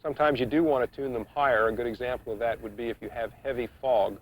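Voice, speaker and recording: A man giving an instructional demonstration, explaining each step in a measured, practical way. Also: mid-range voice, fairly even intonation, very noisy. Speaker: duck calling instructor. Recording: muffled, dull 1990s instructional video sound.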